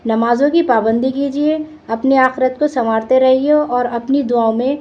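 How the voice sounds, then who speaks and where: A woman teaching Quran reading to children, spelling syllables out slowly and patiently between quick explanations. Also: sits high, fairly even intonation. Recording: muffled lo-fi recording.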